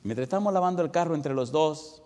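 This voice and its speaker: Middle-aged preacher in an echoing hall. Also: male voice, on the high side, quick pace. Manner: dramatic storytelling, hushed asides and loud fervent pleas. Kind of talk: sermon. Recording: long reverb of a large hall.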